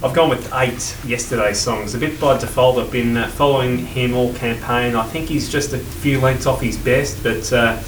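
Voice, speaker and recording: A man's voice: mid-range voice, fairly even intonation, normal speed, hardly any pauses. A man working as a racing tipster, giving horse form analysis and selections in conversation. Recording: roomy, distant mic, faint noise.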